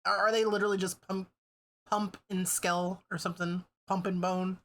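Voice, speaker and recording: A woman's voice: mid-range voice, little pitch movement, moderate pace. A woman livestreamer chatting casually with her viewers, swearing freely and laughing often. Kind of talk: casual stream chat.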